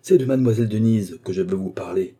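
A man's voice: fairly low pitch, quick pace, mellow, husky. A man voicing an earnest young man who pleads respectfully in a read-aloud novel. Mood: pleading.

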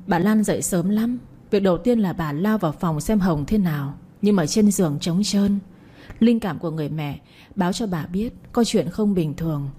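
A woman narrating a scripted story in a steady, plain reading voice. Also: mid-range voice, husky.

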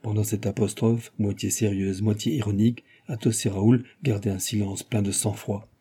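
A man reading a novel aloud as scripted narration, lively and raising his voice for shouted lines. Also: fairly low pitch, normal speed, slightly rough. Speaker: audiobook reader.

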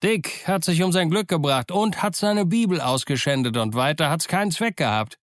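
Guy reading as a scheming old pirate boss, blustery and mocking, higher and loud, dry audiobook sound. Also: expressive, normal speed, no room sound, lightly acted. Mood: blustering.

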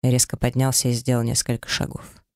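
Male audiobook narrator, detached and icy, with a gravelly voice. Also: medium pitch, fast talker, no room sound, studio quality. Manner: cold, flat and detached. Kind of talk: first-person audiobook narration.

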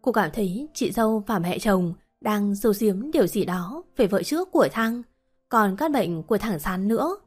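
A woman narrating an audiobook novel in a steady storytelling manner, with faint music behind. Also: medium pitch, moderate pace, slightly rough.

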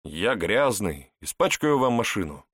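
A man's voice: lowish voice, sing-song, unhurried, a bit bright, no room sound, clean studio sound, heavily acted. A man voicing a brash young male suspect who talks back in heated slang, in an audiobook. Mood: puzzled.

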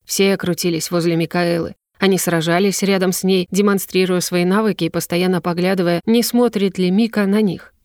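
A woman's voice: fairly low pitch, steady tone, fairly quick, hardly any pauses, a little mellow, no room sound. Woman reading a story, dry close sound. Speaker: audiobook reader. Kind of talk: scripted first-person narration.

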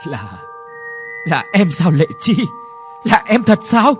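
A man's voice: a little high, animated, unhurried, bright, forceful tone, faint music behind. A man voicing a stern older squire who threatens, then stammers in shock, in a ghost story. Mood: stammering.

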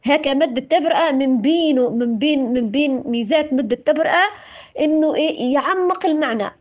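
A Tunisian-accented woman gives an informal religious talk in a high, quick voice. She is impassioned and scolding, and she keeps repeating her words. The recording is dull and lo-fi. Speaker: religious speaker.

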